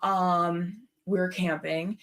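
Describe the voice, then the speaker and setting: A woman telling stories in casual chat, animated and profane, often laughing as she talks. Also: lowish voice, slow. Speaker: talk show participant.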